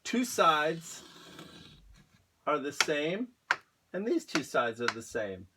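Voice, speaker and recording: A man's voice: a little high, very animated, heavy background noise. A man teaching an art lesson to young children, explaining patiently and spelling words out for them. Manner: slow, patient, spells things out.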